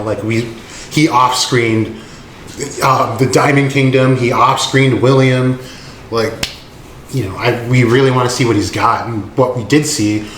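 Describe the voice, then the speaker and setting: A man's voice: medium pitch, a bit bright. A man hosting a casual anime commentary video, laid-back and rambling with lots of filler words and swearing. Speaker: host. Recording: echoey room with faint noise.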